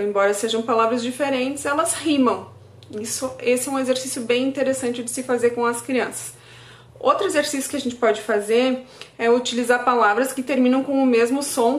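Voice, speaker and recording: Woman speech therapist, lesson for parents, fairly high voice, roomy echo. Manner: calm, stretches out example words syllable by syllable. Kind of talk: educational talk for parents. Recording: echoey room.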